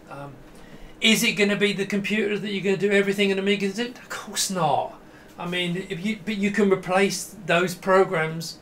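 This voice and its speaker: A middle-aged man with a fairly high, sharp voice gives a casual, keen demo of a vintage computer to camera, rambling and breaking off mid-sentence often. He is in a small room at home full of computer gear, with slight background noise.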